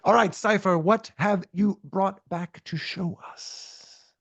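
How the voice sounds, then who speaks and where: A man running a tabletop game as game master, narrating in a casual, animated way. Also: high-pitched, slow pace, creaky, lo-fi sound.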